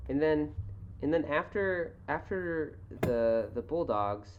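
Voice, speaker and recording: A young woman co-hosting a casual book podcast, retelling the plot in halting bursts with dry amusement. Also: sits low, animated. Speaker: podcast co-host. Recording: dull lo-fi mic with hiss.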